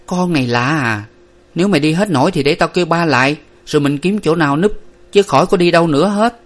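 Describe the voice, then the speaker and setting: A man reading a storybook aloud, voicing a bossy, fierce young woman who is the eldest sister, with a sharp, scolding manner. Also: a little high, fast talker, voice pushed up, lightly acted. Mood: impatient.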